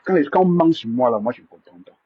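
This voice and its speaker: A man hosts a live stream and speaks to his viewers in a very husky, breathy, fairly high voice. He stammers, repeats words and sounds indignant and defensive. The sound is dry and muffled, like a phone mic close up. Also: animated, fast, no room sound.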